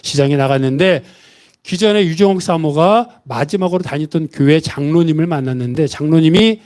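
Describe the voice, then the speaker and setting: A man's voice: a little high, fairly quick, darkish tone. A male pastor preaching a Sunday sermon, telling a story and acting out the voices of the people in it.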